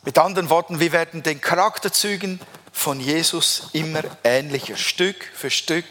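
A man preaching a sermon, emphatic, slowing down to stress key phrases. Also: fairly high pitch, bright, forceful tone. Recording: long reverb of a large hall.

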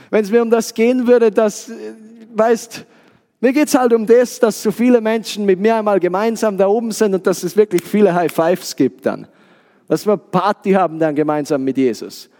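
High-voiced impassioned preacher in a hall. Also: male voice, normal speed, mellow. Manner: impassioned, many restarts and repeated words. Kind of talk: sermon. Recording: long hall reverb.

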